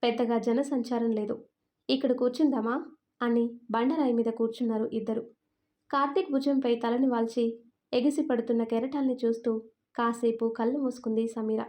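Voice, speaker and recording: A woman storyteller reading a family story as scripted narration, in an even, clear way. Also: on the high side, fairly quick.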